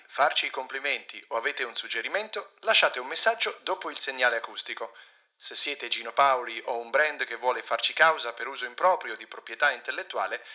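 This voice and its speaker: A man's voice: mid-range voice, pushed and bright, highs cut off. Man voicing an answering machine greeting. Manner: polite formal phrasing with a crude ending. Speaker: show host. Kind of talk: mock-formal recorded voicemail message.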